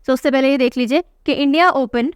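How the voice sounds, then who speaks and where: A woman's voice: sits high, a little fast, no echo, clean studio sound. A young woman teaching an exam-prep lesson, chatty and teasing, repeating key names to drill them in. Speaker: current affairs teacher.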